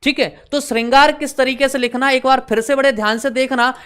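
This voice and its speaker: A man teaching an exam-prep lesson. He repeats each point, quizzes listeners with questions, slows down on key words and adds teasing asides. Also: extremely high pitch, fairly even intonation, a bit bright, clean tone.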